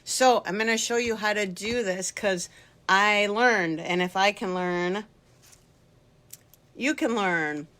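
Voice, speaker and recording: A woman's voice: mid-range voice, slow, long pauses, a bit bright. A middle-aged woman and line dance instructor, talking casually and jokingly to camera from her home basement. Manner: talkative, joking, acts out voices in her anecdotes. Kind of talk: casual chatty tutorial to camera.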